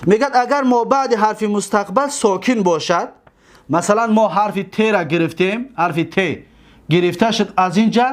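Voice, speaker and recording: A man teaching a grammar lesson, repeating word forms slowly and asking his own questions. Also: high-pitched.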